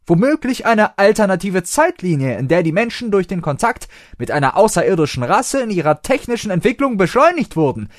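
A man's voice: mid-range voice, huge pitch swings, a little slow, a little mellow, no echo, voice pushed up. An eccentric male time traveler, as a male storyteller puts him on, bursts out in raised, bubbly exclamations. The voice sits well above the reader's own and swoops around. It sounds dry and close. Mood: excited. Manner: exclamatory, breathless enthusiasm.

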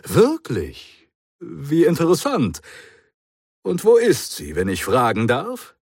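A man's voice: a little high, huge pitch swings, slow, a little mellow, husky, dry recording, studio quality, voice pushed up, heavily acted. A man voicing an eccentric, cheerful alien time traveller who talks in a breezy, theatrical, joking way. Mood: eager.

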